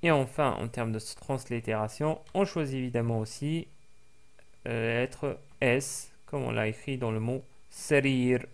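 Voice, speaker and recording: In a clean, mid-range tone, a man teaching Arabic to French speakers slowly says each word again for practice. He hesitates frequently along the way.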